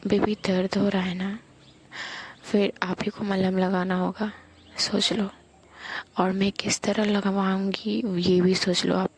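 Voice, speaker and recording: A woman's voice: medium pitch, flat delivery, takes it slowly, slightly rough. A woman voicing a bold, hot-tempered young woman in love who snaps in anger and then teases. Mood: teasing. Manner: sharp and bold, then teasing.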